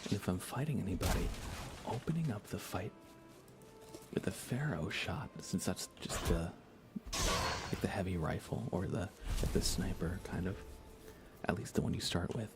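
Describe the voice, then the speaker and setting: A live streamer with a very low, fry-laden voice chats softly on an ASMR gaming livestream, often drifting toward a whisper. He speaks at normal speed, wandering unhurriedly through his thoughts, with steady noise clearly audible behind him.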